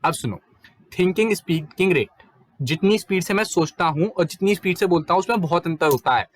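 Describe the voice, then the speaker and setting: A young man teaches in a relaxed, chatty way, switching between Hindi and English terms. His voice sits a little high. He keeps asking his students rhetorical questions and then answers them himself. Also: a little fast. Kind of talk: casual exam-prep lecture.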